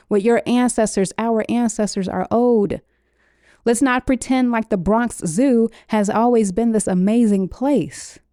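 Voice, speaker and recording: A woman's voice: medium pitch, dark tone, no room sound, clean studio sound. A woman hosting a solo podcast, speaking with urgent, preaching conviction and repeating phrases for emphasis, a little wheezy. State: slightly wheezy. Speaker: podcast host. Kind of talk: impassioned solo podcast monologue.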